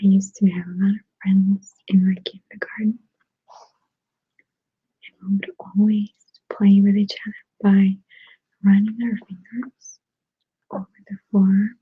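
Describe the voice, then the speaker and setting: Woman ASMR creator, slow whispered chat, close and dry. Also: mid-range voice, little pitch movement, breathy edge, no room sound. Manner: soft, unhurried storytelling. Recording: dry tinny phone-like sound.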